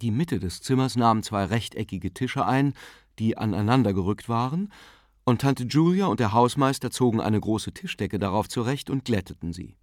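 A man narrating a literary story with an expressive, varied delivery, recorded close on a studio mic. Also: on the low side, moderate pace, dry recording. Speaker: audiobook narrator. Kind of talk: scripted narration.

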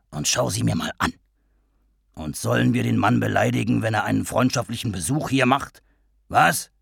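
A man's voice: mid-range voice, vocal fry, husky, no echo, clean studio sound, pitched above the performer's own voice, exaggerated voice. A man voicing a hearty, blustering Irish canvasser who swears and talks with emphasis.

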